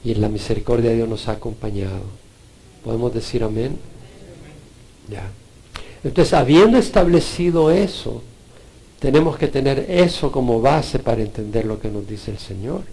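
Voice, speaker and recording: A man with a gravelly, creaky edge to his voice delivers a sermon. He teaches with earnest emphasis, reading scripture aloud and driving each point home. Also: mid-range voice, normal speed, pauses often, mellow, rough recording. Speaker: preacher.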